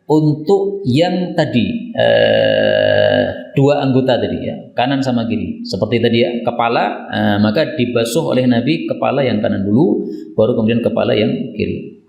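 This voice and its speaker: A man's voice: mid-range voice, gravelly, a little mellow, echoey room, low-quality recording. A man with a Central Javanese accent giving an Islamic study lecture, teaching patiently, telling stories with acted quotes and reciting in Arabic. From Indonesia. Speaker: Islamic preacher.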